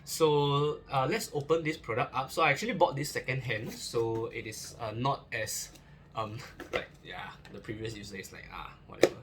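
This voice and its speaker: A man's voice: medium pitch, steady tone, moderate pace, a bit bright, slight background noise. Chatty man unboxing gear. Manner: chatty, many fillers and restarts, joking asides. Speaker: gear reviewer. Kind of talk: casual unboxing review.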